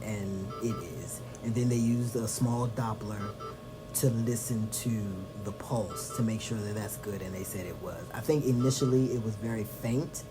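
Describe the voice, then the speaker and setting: A man with a fairly low voice chats to viewers in a casual video diary. His delivery is subdued and tired, with phrases that trail off softly. Music plays clearly behind him. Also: poor audio. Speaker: vlogger. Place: lying on back in a hospital bed.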